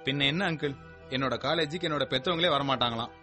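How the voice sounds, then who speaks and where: A man's voice: medium pitch, fast, bright, forceful tone, soft background music, natural voice. An actor playing a lonely, sulky young college student who pleads with his busy parents. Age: young adult. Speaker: student son.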